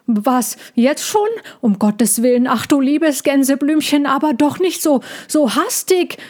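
A woman's voice: high-pitched, measured pace, darkish tone, voice pushed up. A woman voicing a timid, fussy male circus horse who frets in flustered exclamations. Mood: flustered alarm.

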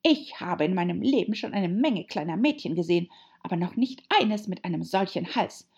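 Lady putting on a shrill shrieky pigeon mom, whiny and scornful, way up high, gravelly edge, muffled recording. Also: lively intonation, normal speed, darkish tone. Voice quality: shrill, screeching. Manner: complaining, scornful. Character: shrieking anxious mother pigeon guarding eggs. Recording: dull lo-fi recording.

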